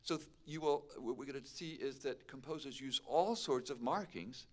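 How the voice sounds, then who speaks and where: A man's voice: mid-range voice, normal speed. A man teaching a piano masterclass, chatty and full of questions for his students, with piano playing between remarks. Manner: chatty, asks the class questions.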